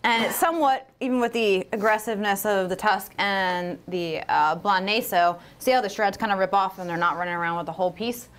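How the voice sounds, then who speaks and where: A woman's voice: medium pitch, a little fast, hardly any pauses, fairly bright tone. Chatty woman demoing aquarium feeding. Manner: chatty, upbeat, lots of fillers. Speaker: co-host of a livestream. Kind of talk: casual livestream demonstration. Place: aquarium studio.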